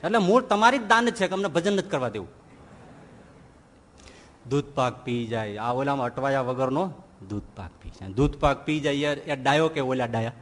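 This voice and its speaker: A man giving a scripture discourse as a swami, telling a humorous parable and acting out its characters with rising excitement. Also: mid-range voice, normal speed, big-room sound, a little hiss or hum.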